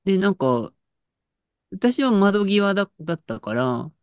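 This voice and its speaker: In a casual chat, a woman tells an anecdote full of fillers, restarts and laughter. Her medium-pitched, darkish voice swings widely in pitch and moves a little slowly. The recording is dry.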